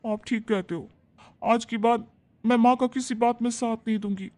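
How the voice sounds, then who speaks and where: A woman voicing a young, flattering daughter-in-law who complains and pleads. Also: on the high side, normal speed, dry recording, pitched above the performer's own voice, close to an everyday voice. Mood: upset.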